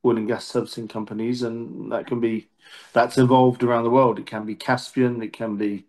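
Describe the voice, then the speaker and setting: A middle-aged man speaks with a British accent in a casual interview. His pitch sits in the middle of the male range. He feels his way through sentences, pausing and rephrasing as he goes. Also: level tone, a little mellow. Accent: British English. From born in Marseille, France, long settled in the UK. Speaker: managing director, interview guest.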